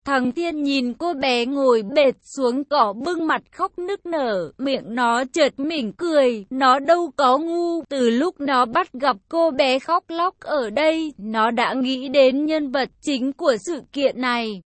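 A woman narrating a story in an even storytelling reading. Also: high-pitched, slow, few pauses, no echo.

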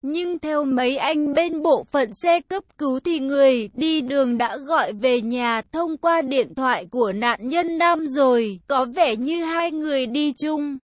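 High-voiced woman narrating a story. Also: a little slow, hardly any pauses, no room sound.

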